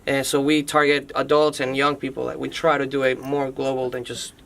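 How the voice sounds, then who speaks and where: A man's voice: mid-range voice, completely flat delivery, a little fast, vocal fry, fairly bright tone. A man in a band, telling stories enthusiastically in a radio interview. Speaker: band member. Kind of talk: casual interview chat.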